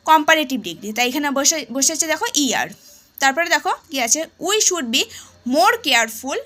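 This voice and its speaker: A woman teacher with a Bengali accent explaining an English lesson, reading English sentences slowly and then explaining them casually. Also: high voice, bright, forceful tone.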